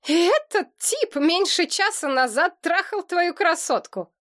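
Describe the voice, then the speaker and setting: A gruff middle-aged demon uncle loses patience with his nephew, scolding him in sharp, sarcastic bursts, as a woman reads him in an audiobook. The voice sits somewhat high, lifted well above the reader's own tone. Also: animated, unhurried. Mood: mocking. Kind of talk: audiobook character reading.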